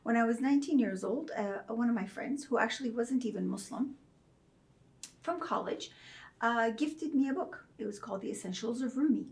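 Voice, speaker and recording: This thoughtful woman guest, a professor of religion from Saudi Arabia, has a creaky voice with a fairly high pitch. Her reflective interview storytelling is measured, sprinkled with frequent soft fillers.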